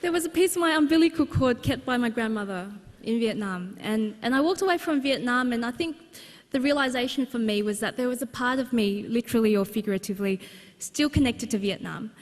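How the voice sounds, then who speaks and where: A young adult author from Australia talks a little fast and hardly pauses, her slightly high voice full of lively intonation. She is telling a personal story at a book launch in an earnest, conversational manner, with many restarts. Long reverb from the large exhibition centre hall colours the recording.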